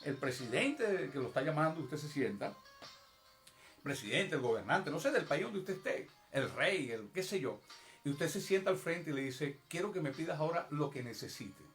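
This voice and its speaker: A man's voice: fairly high pitch, sing-song, normal speed, fairly bright tone, soft background music. A man preaching an evangelical sermon in a church service. He speaks emphatically to the congregation and acts out prayers and pleas in a raised voice. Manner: emphatic, addresses the congregation directly.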